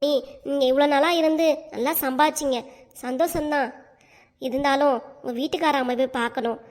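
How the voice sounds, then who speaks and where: A woman's voice: sits high, steady tone, fairly quick, natural voice. A woman voicing a coaxing, caring friend. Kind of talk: Tamil cartoon voice acting.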